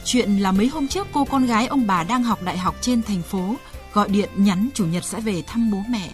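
Calm woman story narrator. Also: mid-range voice, normal speed. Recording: music bed under the voice.

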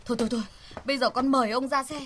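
An actress playing a brisk, teasing middle-aged village woman in a radio drama. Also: sits high, fairly even intonation, a bit bright, slight background noise. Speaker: actor.

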